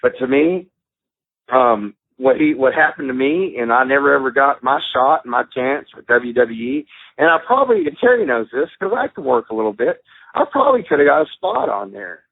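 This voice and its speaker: Middle-aged Texan ex-wrestler guest, blunt and profane, on a tinny phone call. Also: male voice, medium pitch, sing-song, normal speed, gravelly, no echo. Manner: blunt, swears freely, acts out others' lines. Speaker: guest, former pro wrestler. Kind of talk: casual storytelling. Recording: dry phone-line call.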